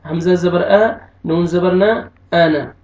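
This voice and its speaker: A man teaching Quranic recitation, spelling out each syllable slowly and drawing out the recited words. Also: high-pitched, fairly even intonation, a little mellow. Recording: echoey, distant, dull lo-fi room sound.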